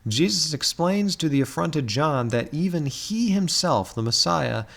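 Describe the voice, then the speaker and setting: A man's voice: fairly high pitch, animated, unhurried, vocal fry, fairly bright tone. A man giving a conversational, reflective talk explaining scripture, with chuckles and fillers. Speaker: author and commentator.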